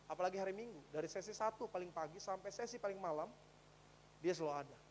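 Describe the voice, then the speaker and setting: A male pastor preaching a sermon, swinging between loud exhortation and quiet storytelling. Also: high voice, quick pace, a little hiss or hum.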